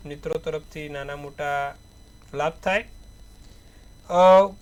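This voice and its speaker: High-voiced man reading horoscopes. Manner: advising, repetitive, proverb-like phrasing. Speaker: astrologer. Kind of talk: daily horoscope and tarot reading.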